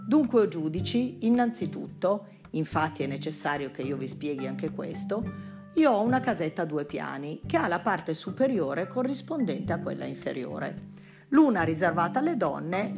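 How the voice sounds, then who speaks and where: A woman with a fairly low voice reads a translated passage aloud, then explains it to her class in a lively way. She keeps checking in with her listeners with quick asides, and clear background music plays the whole time. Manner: lively explaining, often asks "no?". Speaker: teacher. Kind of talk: reading and explaining a translated text. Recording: clear music playing behind the voice.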